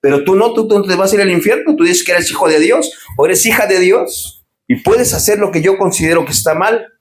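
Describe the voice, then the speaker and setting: A man preaching a sermon as pastor, swinging from raised, urgent lines to low, quiet asides. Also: fairly quick, echoey room. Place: church.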